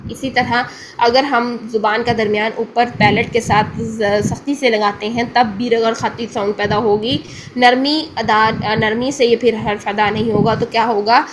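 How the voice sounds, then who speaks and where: A woman's high, steady voice leads a Tajweed lesson on pronouncing the Quran, with noise audible behind her. She has a Pakistani Urdu accent, and she goes slowly through each point twice while checking that her listener follows.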